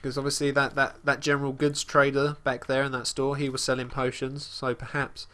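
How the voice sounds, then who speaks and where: A man casually commenting on his gameplay as host, talking about his character in third person with halting restarts and fillers. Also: mid-range voice, completely flat delivery, a bit bright. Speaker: let's play host.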